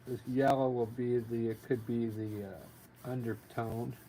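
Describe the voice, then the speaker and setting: A man giving a casual live painting lesson as a gentle, informal instructor with a gravelly voice, talking while he works. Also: medium pitch, flat delivery, measured pace, poor audio. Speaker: painting instructor, livestream artist. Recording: noticeable background noise, live stream.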